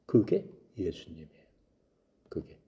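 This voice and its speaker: A man's voice: sits low, huge pitch swings, a little slow, vocal fry, dark tone, lo-fi sound. A man telling a Bible story to young people, asking questions and answering them himself. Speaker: Bible teacher for youth.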